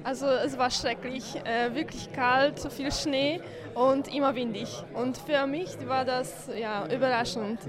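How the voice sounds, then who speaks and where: A woman's voice: high-pitched, steady tone, measured pace. A young woman in her twenties from Poland, a native Polish speaker with a Polish accent, speaking German hesitantly as an exchange student and searching for words. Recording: crowd noise behind.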